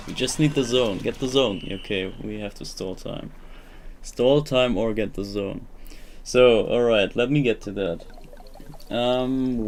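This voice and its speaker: A young man whose first language is German chats casually in English on a live stream while gaming, rambling, searching for words and restarting often. His voice is medium-pitched, gravelly and darkish.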